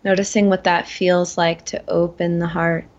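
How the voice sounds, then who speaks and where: A woman leading a guided meditation in a gentle, soothing manner, slowly and with long pauses. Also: lowish voice, flat delivery, lo-fi sound. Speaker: guest guiding a meditation.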